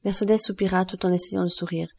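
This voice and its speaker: A woman narrating a classic novel as an audiobook in a calm, measured way. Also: lowish voice, gravelly, slightly rough. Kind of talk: scripted narration.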